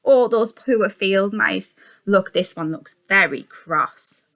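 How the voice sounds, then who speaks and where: A nursery and reception teacher reads a picture book aloud to young children, using a sing-song, exaggerated storytelling style and asking her listeners questions. Her voice is medium-pitched, slow, and a little bright.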